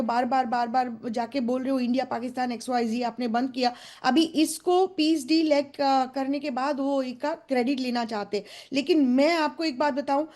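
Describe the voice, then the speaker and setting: A woman speaking as a panelist on a news debate, assertive but halting, with many fillers and English phrases mixed in. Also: high-pitched, darkish tone.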